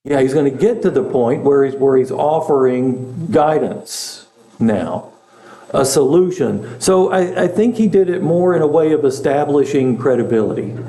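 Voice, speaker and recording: Mellow-voiced pastor in echoey church room. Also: male voice, on the high side, normal speed. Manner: asks the class questions, chatty asides. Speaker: pastor teaching a Bible study. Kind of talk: conversational Bible lesson. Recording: echoey room, faint hum.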